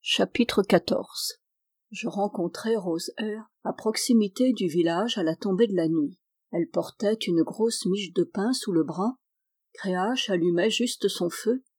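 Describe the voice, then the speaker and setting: A woman reading a novel aloud as a measured, expressive audiobook narration. Her tone is mellow and warm, at a middle pitch. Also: slightly rough. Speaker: audiobook reader.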